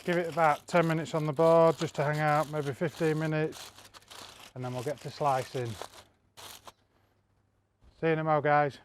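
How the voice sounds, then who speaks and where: A man's voice: on the high side, normal speed, long pauses, slight background noise. A man hosting a barbecue cooking vlog, talking casually and chatting straight to his viewers. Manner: relaxed, chatty, addresses viewers directly. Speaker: barbecue channel host.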